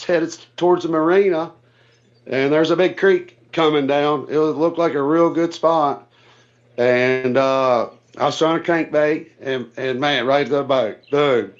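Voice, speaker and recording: Over dull lo-fi call audio, a tournament angler appears as an interview guest and swaps stories casually. His voice is fairly high and steady, a little slow, and his way of talking is folksy and plain-spoken.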